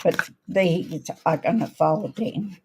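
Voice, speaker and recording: A woman hosting a live card-making demonstration, chatting as she works, her voice a little crackly. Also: lowish voice. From outside America. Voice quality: slightly crackly voice. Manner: chatty, unhurried, talks while working. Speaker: crafting host.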